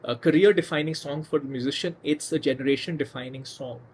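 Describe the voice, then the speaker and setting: A man's voice: on the high side, fast, a little hiss or hum. A man hosting a casual storytelling video, talking conversationally with restarts and emphatic asides. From India. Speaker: music channel host.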